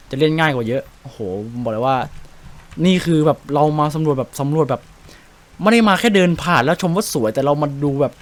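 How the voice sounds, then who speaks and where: Casual gameplay commentary comes from a young Thai-accented streamer who is talkative and excitable, swearing freely while breaking down tactics. His pitch is medium.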